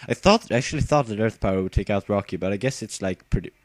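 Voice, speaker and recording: A young gamer, tired but animated, talks fast in a lowish voice as he casually rambles through commentary on his battle, with fillers and giggles at his own expense. There's no room sound.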